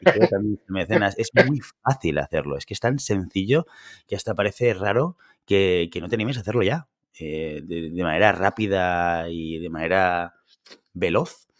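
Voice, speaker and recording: A man's voice: sits low, animated, moderate pace, dry recording, clean studio sound. A man from hosting a casual podcast, chatty and tagging his sentences with a questioning "eh". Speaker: podcast host.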